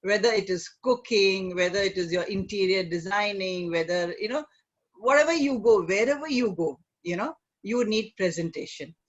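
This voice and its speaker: A middle-aged woman with an Indian accent speaks conversationally as an interview guest, in a halting way peppered with "you know". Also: mid-range voice, animated. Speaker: guest, image consultant. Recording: dull lo-fi online call audio.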